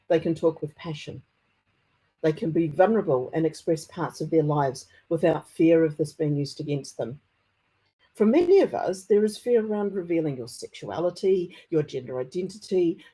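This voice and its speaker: Husky, mellow broad Kiwi speaker with slight stutter. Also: mid-range voice, low-quality recording. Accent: broad New Zealand. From New Zealand. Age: middle-aged. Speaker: conference speaker. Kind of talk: conference presentation.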